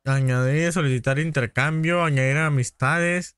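A man's voice: fairly high pitch, steady tone, a bit bright, clean tone, dry recording, clean studio sound. A man with a Mexican accent hosting a live gaming stream, greeting viewers in a chummy, casual way. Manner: chummy, calls viewers "padrino", rapid greetings. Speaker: gaming livestream host.

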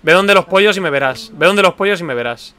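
Animated man gaming with friends. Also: high voice, fast talker, clear, resonant tone. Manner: animated, teasing, bursts of exclamations. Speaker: lets-play host. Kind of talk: casual game chat.

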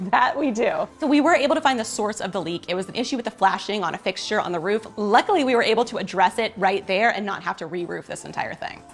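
A woman's voice: medium pitch, animated, creaky, soft background music. A woman in her thirties co-hosting a house-flip walkthrough, upbeat and chatty, on a lapel mic indoors. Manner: upbeat, quick-talking. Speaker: house flipper host. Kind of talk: casual walkthrough chat. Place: house under renovation, indoors.

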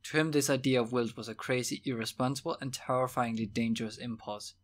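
A man narrating a novel as an audiobook in a steady, measured reading voice. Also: mid-range voice. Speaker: audiobook reader.

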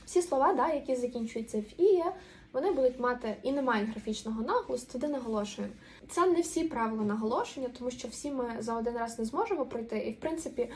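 Woman teaching, slow clear examples. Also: fairly high pitch, darkish tone, a little hiss or hum. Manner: explains patiently, drawing out example words slowly. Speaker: Portuguese language teacher. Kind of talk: language lesson explanation.

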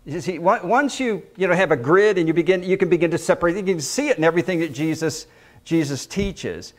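A man's voice: fairly high pitch, fairly quick. A man preaching a conversational sermon, quoting scripture, repeating phrases for emphasis and asking the congregation questions. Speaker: pastor teaching. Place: church.

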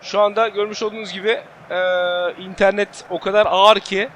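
Excitable young man shouting over a football game. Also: sits high, a little fast, slight background noise. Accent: Turkish. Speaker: gaming channel host. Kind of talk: live gameplay commentary.

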